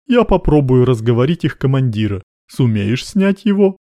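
A man's voice: mid-range voice, big pitch swings, moderate pace, dark tone, no room sound. A man voicing a cool, commanding male major with dry irony in an audiobook. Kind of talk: audiobook narration.

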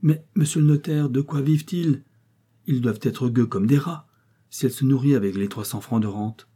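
Man voicing a miserly old man over sixty, tearful, wheedling, raised pitch, audiobook. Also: expressive, brisk, warm tone, husky. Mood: eager.

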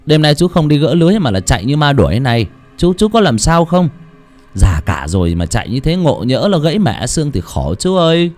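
A man voicing a respectful young villager who calmly reassures an older man. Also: fairly high pitch, brisk, soft background music, voice pushed up. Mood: reassuring.

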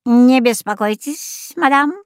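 Courteous, teasing talking parrot, drawling and high; woman reads it. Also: slow, clean tone, no echo, studio quality.

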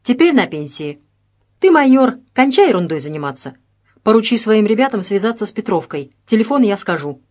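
A woman voicing a tough retired male police colonel who speaks calmly and curtly, in an audiobook. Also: mid-range voice, a little fast. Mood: commanding.

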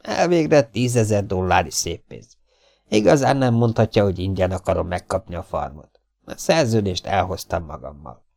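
A man voicing a smug, scheming male blackmailer in an audiobook, with smooth, menacing persuasion. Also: low voice, expressive, a little mellow. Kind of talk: audiobook character voice.

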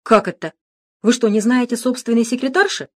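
A woman voicing a calm, sarcastic middle-aged male detective in an audiobook, speaking in a cool, mocking, unhurried way. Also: fairly high pitch, voice pushed up, lightly acted. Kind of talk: audiobook character reading.

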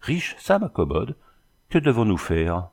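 A man voicing a rough, hard-drinking sailor henchman from an old adventure storybook. He answers his captain with coarse, blustering eagerness in a lowish voice. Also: big pitch swings, a little slow, a little mellow, exaggerated voice. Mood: eager. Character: rough, boozy male sailor, loyal henchman.

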